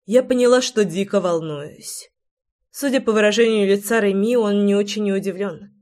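A woman's voice: medium pitch, normal speed, a little mellow. A woman narrating a romance audiobook in the first person, with an emotional, dramatic reading.

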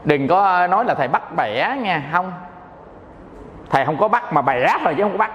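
A man's voice: on the high side, animated, moderate pace, muffled recording, a little hiss or hum. A male Buddhist monk with a Southern Vietnamese accent gives a dharma talk in a playful, joking way, often checking that listeners follow. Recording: long hall reverb.

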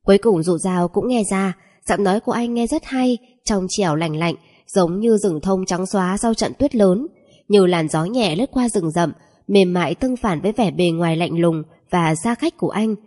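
A woman narrating a romance novel aloud in a steady, even storytelling manner. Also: mid-range voice, normal speed.

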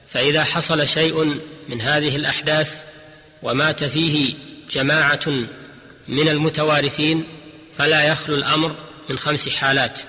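A man delivering a formal, scripted religious radio lecture in measured classical Standard Arabic. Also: fairly high pitch, sharp tone. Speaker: radio lecturer on Islamic jurisprudence. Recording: long hall-like reverb.

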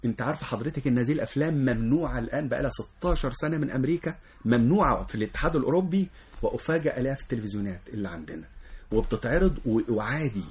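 A man with an Egyptian Arabic accent speaks as an education lecturer on a talk show. His voice is husky and he talks at a very rapid clip. His delivery is earnest and lecturing, and he keeps acting out example lines. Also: medium pitch, expressive, a little mellow. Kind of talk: explanatory interview answers.

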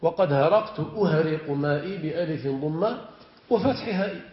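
Male grammar teacher, a touch high-pitched, lecturing and quizzing students, lo-fi room recording. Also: expressive. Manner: drawn-out stressed word forms, questioning students. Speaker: sheikh teaching Arabic morphology. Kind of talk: classroom lecture. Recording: echoey room, dull lo-fi sound.

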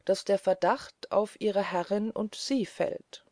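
A woman reading aloud voices a grave, courteous gentleman who speaks in a measured, solemn way. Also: mid-range voice, dry recording, clean studio sound, lightly acted.

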